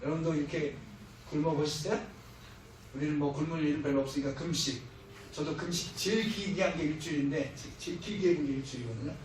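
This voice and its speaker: A man's voice: on the high side, quick pace, a little hiss or hum. A middle-aged man preaching as a missionary speaker, telling stories with humor and acting out what people said. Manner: humorous storytelling, acting out quoted lines. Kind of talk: sermon. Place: church hall. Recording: echoey hall, heard from far off.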